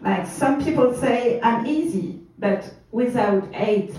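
A woman with a French accent practicing stand-up jokes in English, halting as she searches for words. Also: a little high, dark tone. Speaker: comedy student. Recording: echoey room from far off.

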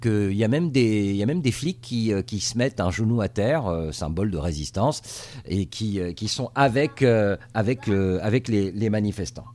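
This middle-aged Tunisian man is a TV journalist based in the US, answering interview questions casually and hesitantly, with many fillers and restarts. His voice sits on the low side and sounds animated and a little mellow, at a moderate pace.

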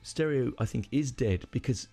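Gravelly and husky with a dark tone, this middle-aged podcast host's voice sits at medium pitch and moves at a moderate pace over soft background music. Talking solo, he wanders through opinionated tangents and keeps revising his sentences partway through.

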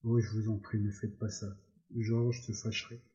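A man reading the lines of a simple-minded, childlike farmhand in a storybook, slow and earnest, on a slightly dull recording. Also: on the low side, flat delivery, warm tone, natural voice. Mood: pleading.

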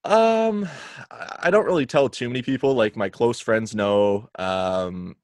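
A man's voice: mid-range voice, a little slow, a little mellow, no room sound. A young man, chatting as a guest with lots of ums and uhs. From Canada. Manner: hesitant, many fillers. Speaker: guest podcaster. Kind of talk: casual interview chat.

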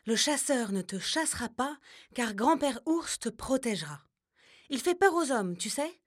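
A gentle, wise old grandmother bear from a storybook, as a woman puts her on, comforts a cub. She speaks tenderly, a little higher than the narrator's own voice. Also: sing-song, a little slow, no room sound, studio quality, heavily acted. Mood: soothing, tender. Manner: soothing, tender and kind.

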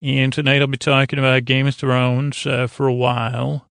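In studio quality with a dry sound, a creaky-voiced man at medium pitch delivers completely flat bedtime talk for his sleep podcast. He meanders and halts, gently goofy, repeating lines and trailing off into wordplay so listeners can nod off.

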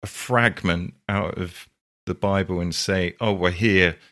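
A man's voice: sits low, fairly even intonation, measured pace, fairly bright tone. A man co-hosting a casual discussion podcast, musing thoughtfully and asking questions. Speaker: podcast co-host.

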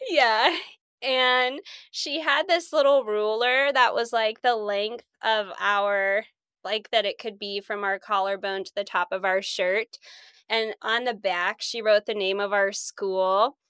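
A woman's voice: mid-range voice, fairly even intonation, measured pace, a bit bright, clean tone, no echo. A young woman co-hosting a podcast, telling school stories in a chatty way and often laughing as she talks. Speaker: podcast co-host. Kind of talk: casual chat, storytelling.

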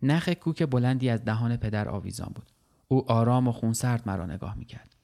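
A man narrating a short story in a measured, steady reading voice. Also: mid-range voice, creaky.

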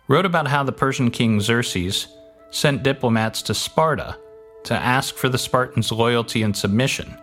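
A man's voice: medium pitch, a bit bright. A man hosting a podcast, reading scripted narration in a dry, wry way with casual swearing. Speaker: podcast host. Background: faint music.

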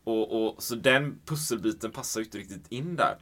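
A man's voice: on the low side, a bit bright. A man hosting a conversation, reflecting thoughtfully and encouraging his guest. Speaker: podcast host. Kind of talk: casual conversation.

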